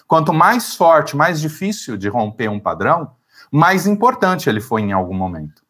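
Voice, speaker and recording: Terapeuta brasileiro calmo e explicativo. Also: male voice, a little high, moderate pace, husky. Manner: calm, explanatory, with hesitations. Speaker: therapist, psychodrama guest. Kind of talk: explanatory interview talk.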